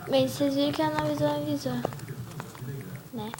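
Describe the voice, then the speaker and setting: A woman's voice: high voice, little pitch movement, a little fast. A young girl from Brazil, chatting on her video channel and giggling as she reads chat messages aloud. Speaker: YouTuber. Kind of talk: casual vlog narration. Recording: noisy home recording.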